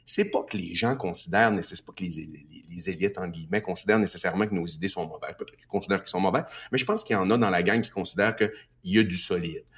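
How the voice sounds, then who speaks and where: A Québécois man guesting on a political radio show, his voice low-pitched with a husky, breathy edge. He argues in an emphatic, animated way, piling up repeated phrases to push his points. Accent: Québécois French. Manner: emphatic and animated, building arguments with repetition. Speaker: political guest, party health spokesman. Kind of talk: political talk radio interview.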